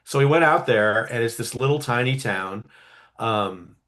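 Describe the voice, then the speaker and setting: A man telling a story casually in an interview, animated, with many fillers and quick acted-out quotes. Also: mid-range voice. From California, USA. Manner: animated, acts out quoted voices, frequent fillers. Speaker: guest storyteller.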